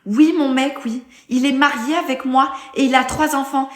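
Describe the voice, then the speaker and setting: A woman voicing a suspicious, fed-up young mother and partner in a scripted text-to-speech drama. Her voice sits a little high. It rings with clear room echo. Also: brisk, a bit bright, lightly acted.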